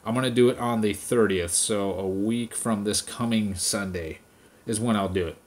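A man ranting casually to his viewers in a vlog, stoned and relaxed, cursing constantly and rambling from one idea to the next. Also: fairly low pitch, moderate pace. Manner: profane, rambling, addressing viewers directly. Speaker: vlogger. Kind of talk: casual rant to camera.

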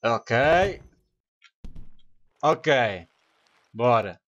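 A young man with a European Portuguese accent, commentating a game excitedly, laughing and swearing often. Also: medium pitch, drawn-out words, dull audio. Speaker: gaming YouTuber. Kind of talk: let's play commentary.

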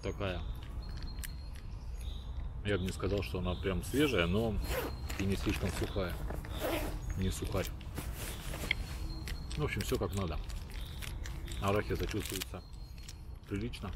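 A man reviewing a snack on his channel, chewing with his mouth full as he talks in short halting phrases, outdoors in a forest. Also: deep voice. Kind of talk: casual food review. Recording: noisy outdoor ambience.

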